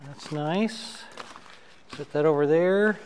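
A middle-aged man demonstrating how to assemble lighting gear at a table in a dark studio, talking as he works. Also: a little high, long reverb tail, slight background noise. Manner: unhurried, talks while assembling gear. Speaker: photographer reviewing gear. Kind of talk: hands-on gear demo. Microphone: wireless lapel mic.

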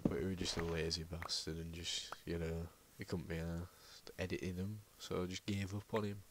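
Male gaming host, low gravelly voice, rambling and muttering, heavy background noise. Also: flat delivery, moderate pace. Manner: rambling, often mutters under his breath. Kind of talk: rambling gameplay commentary.

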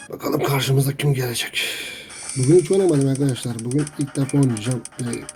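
A man's voice: mid-range voice, rough recording. A man giving chatty gameplay commentary to his viewers, grumbling about the game and trash-talking his opponents. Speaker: mobile game streamer. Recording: music playing under the voice. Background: game music.

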